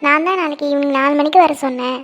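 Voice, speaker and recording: A woman's voice: high-pitched, fast, fairly bright tone. A woman voicing a cheerful young woman in a cartoon, the heroine's best friend, with a playful, teasing, nosy way of talking. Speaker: cartoon character. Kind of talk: cartoon voice acting.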